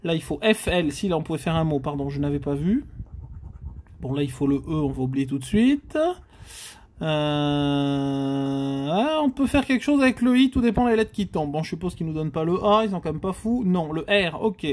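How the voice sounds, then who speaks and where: A man's voice: a little high, moderate pace. Man reacting animatedly to scratch cards. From France. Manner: animated, exclaims and groans at each letter. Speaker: scratch-card vlogger. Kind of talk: casual commentary while scratching tickets.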